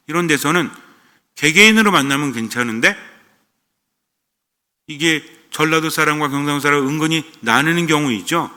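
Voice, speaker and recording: Male priest, standard Seoul-style accent, very bright tone, conversational sermon, long church reverb. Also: mid-range voice. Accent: standard Seoul-style Korean. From Gyeonggi Province, Korea. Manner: conversational, asks the congregation questions.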